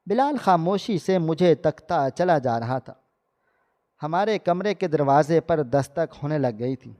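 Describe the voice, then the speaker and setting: A man reading a dramatic first-person story in a steady storytelling manner. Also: fairly high pitch. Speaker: narrator. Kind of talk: scripted story narration. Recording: long hall reverb.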